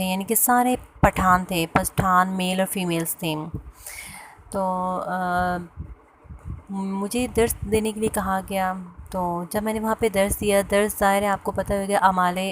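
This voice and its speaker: A woman's voice: mid-range voice, a little hiss or hum. Hesitant woman telling a story. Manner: hesitant, with many fillers and restarts. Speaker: vlogger sharing a personal story. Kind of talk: casual personal storytelling.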